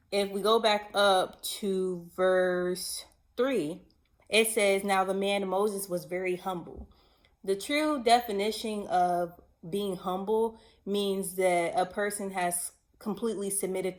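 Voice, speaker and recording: Woman preaching from the bible, kinda low voice, chatty and emphatic, keeps asking ppl if they get it. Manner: conversational, emphatic, asks the listener questions. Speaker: bible teacher. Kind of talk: casual online sermon.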